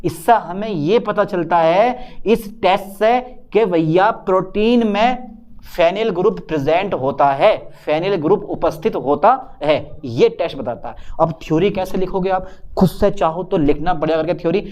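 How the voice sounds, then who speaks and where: A man with a high-pitched voice teaches chemistry in a relaxed, conversational way. He answers his own imagined student questions and keeps the lesson moving. The recording sounds a little muffled and lo-fi. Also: moderate pace. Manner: lively, plays both teacher and student in a back-and-forth. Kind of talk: casual Hindi classroom lecture.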